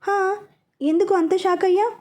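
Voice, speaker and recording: A woman's voice: very high-pitched, steady tone, moderate pace, a little mellow, voice pushed up. A woman reading a story, voicing a breezy, easygoing young woman. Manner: breezy, surprised.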